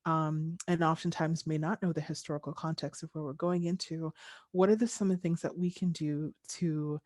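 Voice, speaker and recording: A young woman from Tanzania speaks low and level, with very little rise and fall. Her pace is thoughtful and earnest, broken by frequent ums as she reflects. The sound is dry and close, as on a video call. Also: darkish tone, dry recording. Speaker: panelist. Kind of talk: reflective panel discussion.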